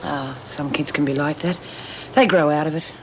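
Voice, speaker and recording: A woman's voice: sits low, steady tone, normal speed, lightly acted. An actress playing a blunt but sympathetic woman prisoner, direct and probing, in a television drama. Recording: clear background noise.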